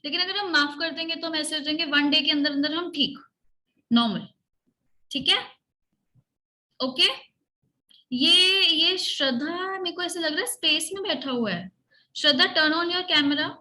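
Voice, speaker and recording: A woman's voice: sits high, unhurried, pauses often, sharp tone. A woman teaching children in an online class, asking questions and having them repeat answers back. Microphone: computer mic on a video call.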